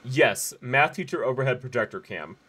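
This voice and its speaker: A man's voice: mid-range voice, lively intonation, moderate pace, a bit bright, breathy edge. A man streaming a game live, chatting in a laid-back, rambling way with many fillers and restarts. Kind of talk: casual live-stream chat while playing.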